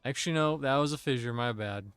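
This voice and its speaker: A man's voice: medium pitch, fast, a bit bright, smooth, no echo. A man with an ordinary mid-range voice chats casually while streaming a game, joking and teasing himself. He sounds close and dry on a desk microphone, with faint music underneath. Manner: playful, jokey, self-teasing. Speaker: streamer playing an online game with friends. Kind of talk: casual gaming chat.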